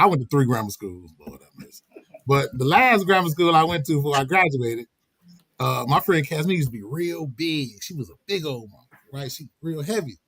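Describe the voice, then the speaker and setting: A middle-aged man telling a casual, animated story on a podcast, laughing as he goes. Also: on the high side, breathy edge, no room sound. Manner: animated, laughing, slips into quoted voices. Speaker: podcast host.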